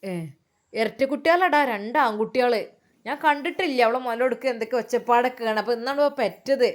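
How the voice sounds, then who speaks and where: A woman's voice: a little high, fairly quick, natural voice. A woman voicing a chatty, gossipy middle-aged village aunt who rattles off asides.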